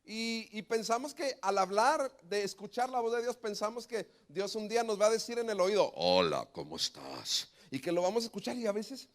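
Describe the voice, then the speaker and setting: A man's voice: high voice, brisk, few pauses. A middle-aged man, preaching a sermon and telling a story with acted-out quotes. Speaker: pastor.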